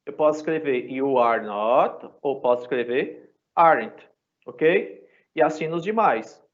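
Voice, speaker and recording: A man's voice: medium pitch, expressive, slow. A man with a Brazilian Portuguese accent teaching an English class live online, explaining patiently and checking in with the students often. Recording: dull lo-fi sound.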